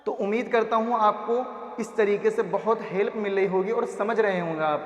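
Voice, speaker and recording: A man with a high voice teaches children to read letter by letter. He sounds out each syllable and answers his own questions. His voice rings out in an echoey room with a long reverb tail. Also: steady tone. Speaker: Quran reading teacher.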